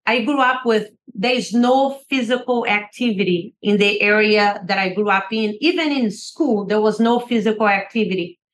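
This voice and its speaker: A woman's voice: medium pitch, moderate pace, hardly any pauses, slight background noise. A middle-aged woman from Brazil with a Brazilian Portuguese accent, speaking earnestly as an author guest on a podcast interview.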